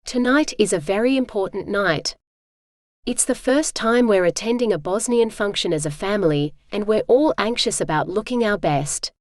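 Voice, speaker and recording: A woman's voice: mid-range voice, expressive, normal speed, no echo, studio quality, lightly acted. A synthetic woman's voice reading the part of an anxious middle-aged mother who is earnest and worried about appearances, in an audiobook. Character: anxious middle-aged mother pleading with her teenage daughter. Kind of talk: audiobook dialogue.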